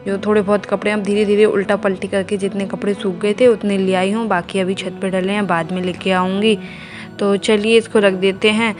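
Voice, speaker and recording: Talking over background music, this young mother from India vlogs from inside her home, narrating her day in a relaxed, chatty manner as she tends to her baby. She speaks at a moderate pace with a medium pitch and flat delivery, turning now to viewers, now to the child.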